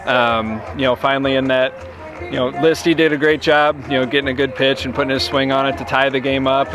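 A head baseball coach in his thirties gives a postgame interview outdoors at a ballfield at night. His voice is mid-range, and he speaks in a measured way, saying "you know" a lot.

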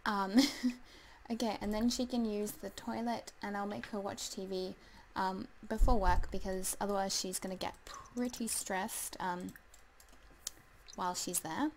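A woman's voice: medium pitch, steady tone, normal speed, slight background noise, poor audio. A woman casually commenting as she plays a life simulation game, chatty and hesitant, full of ums, and talking to the game characters. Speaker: let's play gamer.

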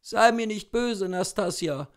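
A man's voice: high-pitched, measured pace, voice pushed up. Man doing a sick old coachman, weak, groaning, strained, storybook voice. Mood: suffering. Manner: strained, moaning speech.

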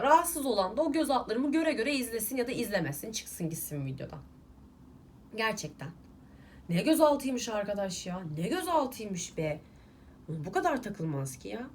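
Young woman vlogger, animated rant, slightly high voice, faint room hiss. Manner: irritated, emphatic, ranting to viewers. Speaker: beauty vlogger. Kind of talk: casual vlog rant while doing makeup.

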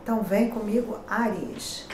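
A middle-aged Brazilian tarot reader with a Rio de Janeiro Portuguese accent hosts daily horoscopes to camera at a card-covered table in a pink-walled room. Her mid-range voice is darkish and moderately paced as she chattily calls out each sign with warnings and advice. The room is echoey with faint noise.

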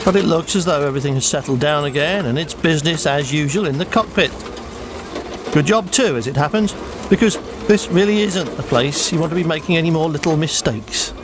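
A male narrator reads a scripted voice-over with measured, wry timing. His voice sits a touch high. Engine noise runs clearly under his words.

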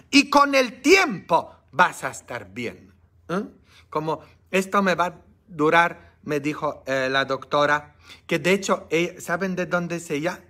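A man preaching as a priest in a lively Bible study, swinging from shouting peaks to hushed asides, with chatty tag questions. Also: on the high side. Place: church.

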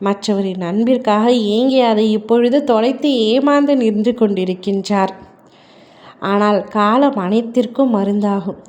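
A woman delivering a devotional message in a deity's voice, tender and consoling as she speaks slowly and earnestly to a worried listener. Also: mid-range voice, darkish tone. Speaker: devotional narrator. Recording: dull lo-fi recording.

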